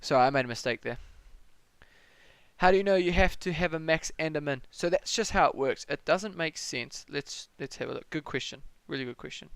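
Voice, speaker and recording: Casual New Zealand maths tutor, gravelly. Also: male voice, on the high side, brisk, no room sound. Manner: casual, thinks aloud, answers chat questions. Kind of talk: live-streamed maths tutorial.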